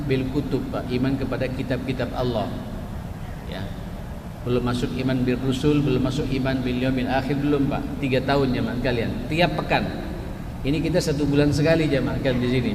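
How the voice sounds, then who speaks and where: Sixties male preacher, mid-pitched, mosque hall echo. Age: 60s. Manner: addresses listeners as Pak and jamaah often. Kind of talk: mosque sermon. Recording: echoey mosque hall with noise.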